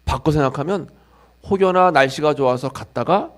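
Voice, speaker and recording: A male pastor preaching a sermon to his congregation. He asks questions and answers them himself, rising loud and high when he voices someone praying, then dropping low and soft to teach. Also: normal speed. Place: church sanctuary.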